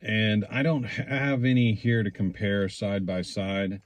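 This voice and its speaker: A man giving a casual, rambling product review, speaking in a hesitant, unhurried way as he thinks aloud. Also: lowish voice, flat delivery, dry recording. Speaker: pipe tobacco reviewer.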